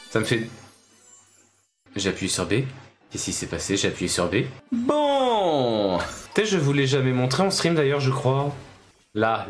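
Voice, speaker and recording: A man streaming video games, chatting casually, reacting with quick jokes and frequent swearing. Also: mid-range voice. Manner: reactive, swears, jokey asides. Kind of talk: casual gaming commentary.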